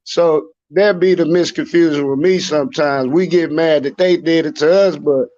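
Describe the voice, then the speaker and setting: A man's voice: on the high side, fairly even intonation, normal speed, a little mellow, muffled recording. A man in a casual podcast chat, laid-back and candid.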